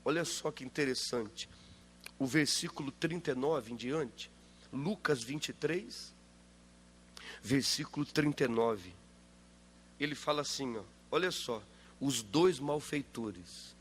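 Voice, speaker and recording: A male pastor preaching a sermon, driving his points home with rapid rhetorical questions and loud emphatic peaks. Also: mid-range voice, lively intonation, a little hiss or hum.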